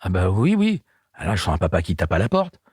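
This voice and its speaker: A man in his sixties, a comedian and guest, telling animated anecdotes in casual chat and acting out the people he quotes. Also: deep voice, a little fast, breathy edge, dry recording, studio quality. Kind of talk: casual storytelling.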